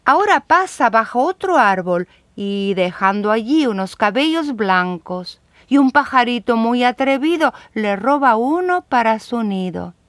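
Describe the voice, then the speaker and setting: A woman reading children's poems aloud in a measured, rhythmic recitation. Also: on the high side, big pitch swings, a bit bright, no room sound. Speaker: reader.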